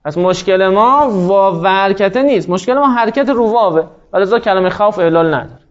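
A man's voice: high voice, lively intonation, muffled recording. A man teaching a grammar class, explaining each rule step by step and quizzing his students as he goes. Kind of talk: classroom lecture.

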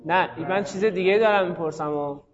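A man's voice: sits high, long reverb tail, dull audio. A man teaching a grammar class, calling on students by name and thinking aloud. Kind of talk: classroom lesson on Arabic grammar.

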